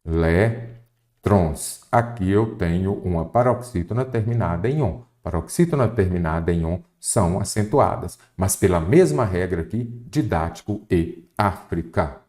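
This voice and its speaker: A man's voice: low-pitched, lively intonation, moderate pace, hardly any pauses, darkish tone. A Brazilian man teaching a Portuguese exam-prep lesson, explaining step by step and asking the viewer questions. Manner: didactic, asks the viewer questions.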